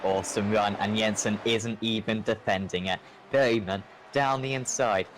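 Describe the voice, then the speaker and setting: A man commentating live on a sim race as a motorsport commentator, with an excitable play-by-play delivery that lifts with the action. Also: fairly low pitch, normal speed, low-quality recording. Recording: clear engine noise behind. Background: race car engines.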